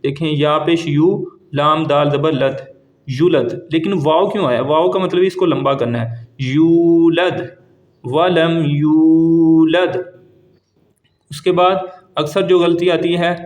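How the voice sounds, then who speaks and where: A man teaching a tajweed lesson, explaining each rule and then reciting the words slowly, drawn out and repeated. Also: fairly high pitch.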